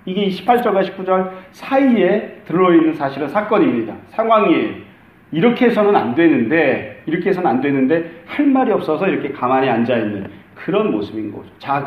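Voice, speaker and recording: A man's voice: a little high, narrow, tinny audio. Man preaching conversationally in an echoey church. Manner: conversational preaching, acts out quoted lines. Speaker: pastor. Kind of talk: sermon.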